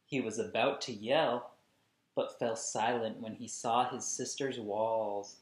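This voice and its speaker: A man in his thirties hosts a children's read-along, reading a storybook expressively for young kids and adding explanatory asides. He is slow, deliberate and emphatic, with a mid-range voice and fairly even intonation, recorded in a small, echoey room at home with the camera at a distance.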